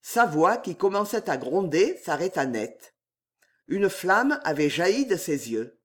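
Give me a male audiobook narrator, slow and lively in pitch. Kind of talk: dramatic novel reading.

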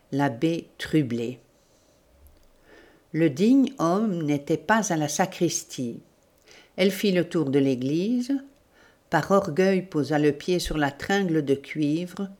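A woman narrating a literary novel in a measured, deliberate reading. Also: sits low, a little mellow. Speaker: audiobook narrator.

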